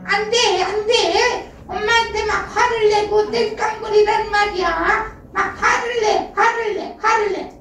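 Lady puts on a squeaky little bad-heart voice for a puppet show, slow and sly, echoey hall. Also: steady tone, a bit bright, far from the mic, a little hiss or hum, full character voice. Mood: insistent. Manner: coaxing, urging a child to throw tantrums.

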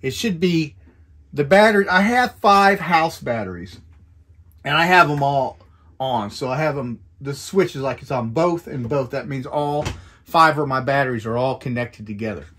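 A sailing vlogger in his fifties casually walks through boat chores, rambling and restarting as engine and wind noise carry on behind him. His voice sits at medium pitch, fairly bright, with lively intonation and a moderate pace. He starts in the sailboat cabin and then moves out onto the open deck.

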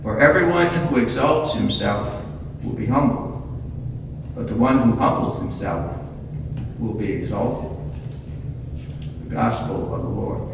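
Priest in a booming cathedral echo. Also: male voice, unhurried, long pauses, heavy background noise. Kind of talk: gospel reading and homily at Mass. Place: large church. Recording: distant, echoey church recording, slightly muffled.

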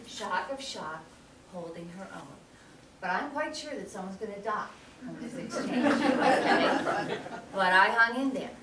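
A middle-aged woman giving a storytelling lecture as guest speaker, animated and often checking in with the audience by asking "okay?". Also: a little high. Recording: echoey hall, distant mic, background noise.

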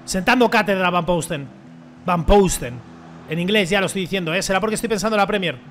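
A young man giving excited commentary as he plays a football video game, talking to his viewers, swearing and shouting at the referee. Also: sits high, quick pace, faint music behind. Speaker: gaming streamer.

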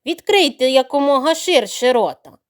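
A small, clever duckling from a bedtime audio tale speaks politely and firmly, as a woman voices it. The voice sits a little higher than the storyteller's own, with a lively lift. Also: moderate pace. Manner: polite and firm.

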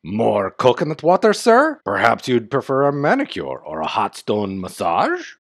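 A man's voice: mid-range voice, wildly swooping pitch, moderate pace, no echo, clean studio sound. A man voicing a fawning resort attendant in a cartoon read-aloud, making polite, obliging offers.

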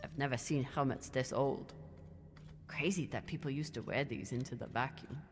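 An actress playing a stern, composed space captain in a video game, measured and commanding. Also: female voice, rumbling low, slight background noise. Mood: composed, guarded.

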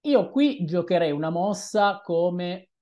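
Young male streamer, slow and deliberate, talks through moves with musing, hesitant asides, webcam at a desk in a small room. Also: sits high, lively intonation, mellow. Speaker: chess streamer. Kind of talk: thinking-aloud game commentary.

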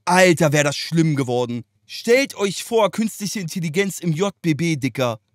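A man hosting a casual reaction chat, animated and slangy and quick to laugh. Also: on the high side, no room sound. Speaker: host.

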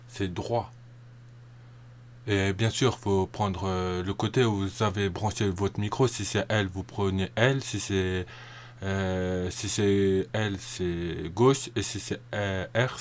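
Rambling low-voiced man explaining. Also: fairly even intonation, slow pace, slight background noise. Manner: rambling, repeats himself, frequent hesitations. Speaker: tutorial narrator. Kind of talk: casual screen-recording tutorial voice-over.

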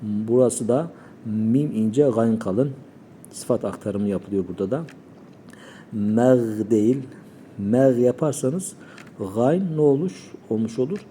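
A man teaching Quran recitation, calmly explaining pronunciation and demonstrating sounds slowly. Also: medium pitch, slight background noise.

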